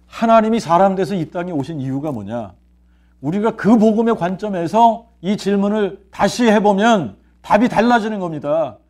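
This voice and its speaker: A male pastor with a high but darkish-toned voice delivers a sermon in a church sanctuary. He keeps asking rhetorical questions and supplying the answers, driving home key phrases through repetition.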